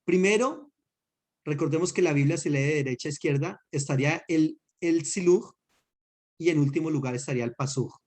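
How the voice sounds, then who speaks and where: Patient pastor teaching a class. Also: male voice, fairly high pitch, darkish tone. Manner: patient, explains slowly with spoken examples and checks understanding. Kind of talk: teaching a class on Hebrew accents.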